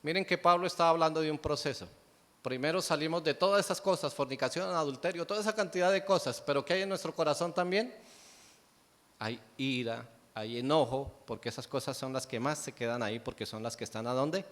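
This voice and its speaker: A man's voice: on the high side, a little fast, fairly bright tone. Preaching man in a reverberant church. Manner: asks the congregation rhetorical questions, answers them himself. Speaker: pastor. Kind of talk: sermon. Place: church sanctuary. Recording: long church hall reverb.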